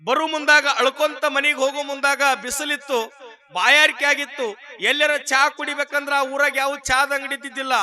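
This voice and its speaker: A man telling a story in a humorous sermon, speaking straight to his listeners in a lively way. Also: very high voice, normal speed. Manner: lively storyteller addressing the audience directly. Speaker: preacher.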